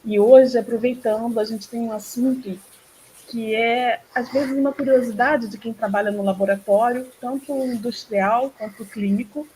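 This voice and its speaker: A woman's voice: a little high, fairly even intonation, moderate pace, dark tone, slight background noise, low-quality recording. A woman with a Brazilian Portuguese accent hosting a live online talk, chatty and full of tag questions. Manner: chatty, frequent tag questions, laughs often. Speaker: host.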